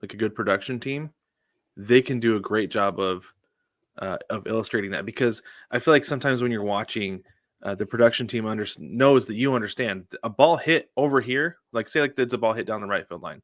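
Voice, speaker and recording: A podcast co-host chats casually on a sports show, informal and anecdotal, leaning heavily on "like" and "you know" and other conversational filler. His voice sits on the low side and runs fairly quick, with clean studio sound and no echo.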